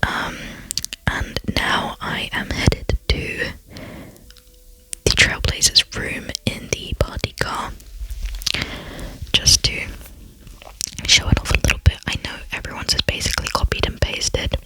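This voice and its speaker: An ASMR channel host whispering softly while talking through gameplay, rambling and chatty with frequent fillers and self-deprecating asides. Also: measured pace, long pauses, rough recording.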